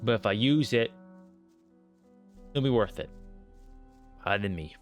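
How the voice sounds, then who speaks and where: A man gives casual commentary as he streams a game, often muttering along to himself. His voice sits fairly low, with soft music behind it. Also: lively intonation, unhurried, muffled recording. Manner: rambling, talking to himself.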